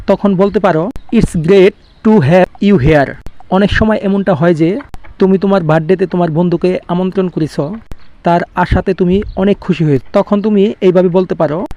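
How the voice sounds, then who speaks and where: A man with a fairly high voice and a mellow, soft tone teaches spoken English. He says each English phrase slowly and carefully, then repeats it for his learners.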